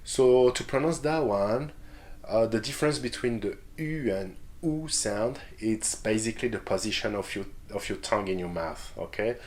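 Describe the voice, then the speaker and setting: A man's voice: lowish voice, normal speed. A man teaching a beginners' pronunciation lesson in an instructional way, often checking in with his listeners. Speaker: French language teacher.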